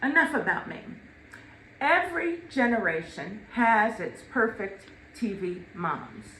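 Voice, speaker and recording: Slow-speaking woman giving a eulogy, echoey room. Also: medium pitch, big pitch swings, fairly bright tone. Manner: measured storytelling with dramatic pauses and emphasis. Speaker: eulogist, daughter of the deceased. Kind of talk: eulogy speech to family. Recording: echoey room with faint noise.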